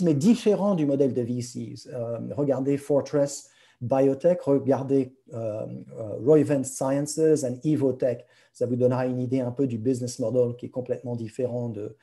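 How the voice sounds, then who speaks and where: A man's voice: medium pitch, dark tone. A man giving a slide presentation, hesitant and searching for words, mixing practised English terms into his French. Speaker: guest speaker presenting slides. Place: remote video conference.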